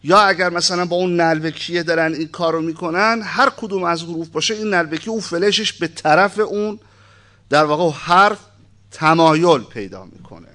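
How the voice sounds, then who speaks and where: A man's voice: fairly high pitch, sharp tone. A man giving an informal lecture, reading a text aloud and breaking off into conversational, wry asides. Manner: conversational, asides and wry humor between read passages.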